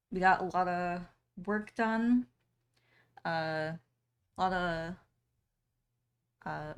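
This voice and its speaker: Slow, low-voiced woman chatting on stream. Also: smooth. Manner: relaxed, chatty, reads chat aloud, frequent ums and small laughs. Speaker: streamer and artist. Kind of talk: casual chat while drawing on stream.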